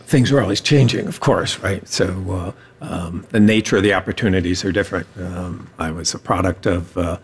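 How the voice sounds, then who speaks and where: A man in his seventies, speaking haltingly with many pauses as a panelist in a discussion. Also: low-pitched, slightly rough. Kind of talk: casual discussion.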